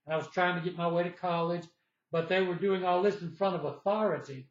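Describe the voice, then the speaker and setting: A man's voice: high-pitched, steady tone, brisk. A man in his sixties from the United States, telling a personal story in a rambling way and acting out what people said. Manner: rambling, repeats himself, acts out dialogue in the retelling. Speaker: vlogger. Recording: echoey, slightly dull room sound.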